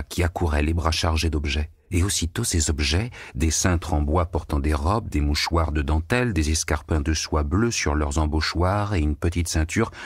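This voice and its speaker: A man with a deep, husky voice narrates a novel in measured, evenly phrased sentences. The sound is dry and close, with no room around it. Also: no echo. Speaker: audiobook narrator. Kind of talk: literary audiobook narration.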